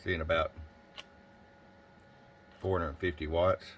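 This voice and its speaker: Low-pitched, level, and slow, this man's voice walks through a casual gear review at an indoor electronics workbench. The product reviewer talks plainly and thinks aloud as he goes, over a faint background noise.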